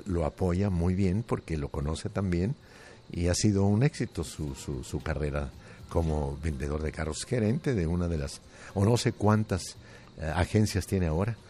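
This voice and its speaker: A man's voice: deep voice, a little mellow. A man hosting a radio show, talking in a folksy, rambling way. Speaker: radio host. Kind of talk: casual radio chat.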